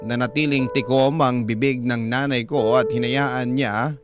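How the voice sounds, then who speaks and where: A male radio host reading out a listener's letter as dramatic, steady storytelling. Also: mid-range voice, measured pace. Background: music.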